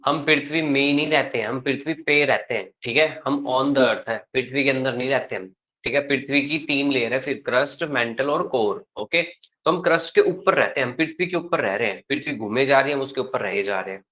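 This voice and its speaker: A male teacher lectures a class at an unhurried, even pace and keeps stopping to check that the students follow. His voice is bright and forward. The classroom recording is muffled and lo-fi. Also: mid-range voice.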